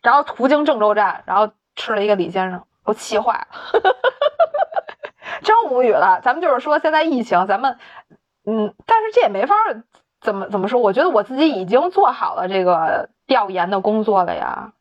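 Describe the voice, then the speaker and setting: A woman's voice: a little high, big pitch swings, moderate pace, muffled recording. A woman telling a story in casual chat, laughing often, swearing casually and acting out the dialogue. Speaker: podcast co-host.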